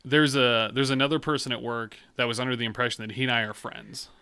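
Foul-mouthed bright young man. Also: mid-range voice, fast, clear, resonant tone. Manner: swears a lot, animated storytelling. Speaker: podcast co-host. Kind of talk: crude casual chat.

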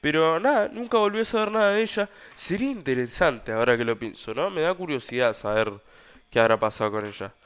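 Young Argentine male host, casual slangy storyteller, smooth tone, dull recording. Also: fairly high pitch, animated, fast, a bit bright. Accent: Argentine Rioplatense Spanish. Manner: rambling, loose, slangy, many fillers. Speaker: podcast host.

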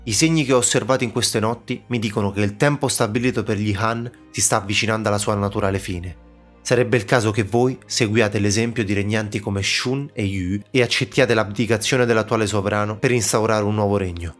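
A man's voice: fairly low pitch, fairly even intonation, fairly quick, soft background music, natural voice. A man voicing a cunning elderly male court minister who speaks courteously and persuasively.

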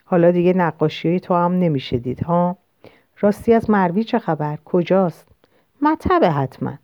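A tired but tender young husband, as a woman reads him in an audiobook, asking gentle, coaxing questions. The voice sits low. The recording is dull, lo-fi and dry. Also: expressive, no room sound, lightly acted. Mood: caring. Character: weary young husband, caring and worried.

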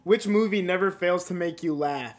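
High-voiced, giggly young-sounding man. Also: normal speed. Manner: giggly, excitable, trailing off mid-sentence. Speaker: podcast guest. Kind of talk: casual chat.

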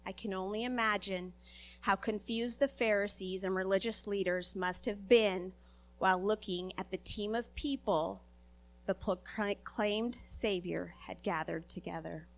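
Sniffly woman preaching to a congregation, earnest and a bit halting, mid-pitched voice. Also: steady tone. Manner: earnest, halting, with many fillers. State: sniffly, recovering from a virus. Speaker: lay preacher. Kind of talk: church sermon.

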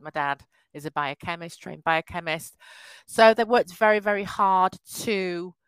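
A woman's voice: lowish voice, clear, resonant tone, no room sound, rough recording. A woman, a podcast guest telling her life story in a chatty way over a call. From England. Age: 50s. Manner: laughs often, warm and chatty, restarts sentences. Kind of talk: casual interview over a call.

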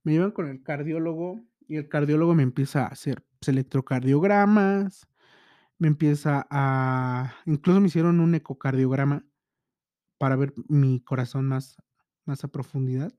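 A young man telling a personal story in a halting, emotional way, full of repeated restarts. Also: on the high side, dark tone, no echo.

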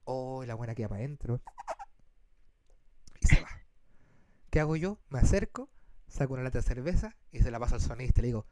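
A man with a Chilean accent, co-hosting a casual chat and telling a story in an animated, slangy way. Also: fairly quick, pauses often, no room sound, studio quality. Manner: animated, slangy, acts out quotes in a high voice. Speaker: podcast co-host.

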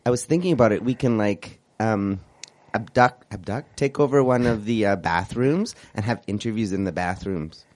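A man hosting a casual radio chat show, hoarse from a cold and rambling as he searches for words. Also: on the low side, normal speed, darkish tone, no echo.

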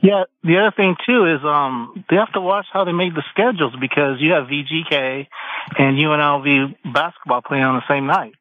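A man's voice: on the high side, brisk. A man calling in to a sports talk radio show over the phone, asking a plain-spoken question. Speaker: caller. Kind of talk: casual call-in chat. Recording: muffled phone line.

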